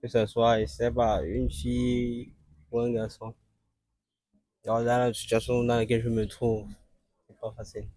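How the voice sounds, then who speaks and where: A man of middle pitch answers questions in a street interview, speaking quietly and haltingly with a resigned air. The sound is dry and close, with no echo. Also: level tone. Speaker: interviewee, father. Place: outdoors on the street.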